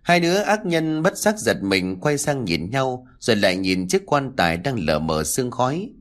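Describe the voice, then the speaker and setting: A man narrating a horror story in a dramatic, expressive way. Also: medium pitch, moderate pace.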